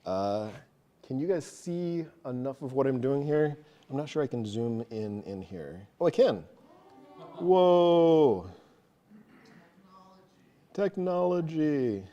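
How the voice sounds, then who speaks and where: Guy giving a live coding talk to a room, mellow voice, rushes along, jokes at himself. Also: medium pitch, expressive, dull audio. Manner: fast, casual, self-deprecating. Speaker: meetup presenter. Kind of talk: live technical talk with audience questions. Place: meeting room with an audience.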